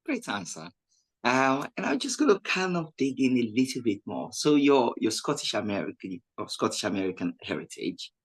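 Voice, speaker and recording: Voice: mid-range voice, very animated, normal speed, slightly rough. A radio interviewer asking questions in an encouraging way, with many "you know" fillers.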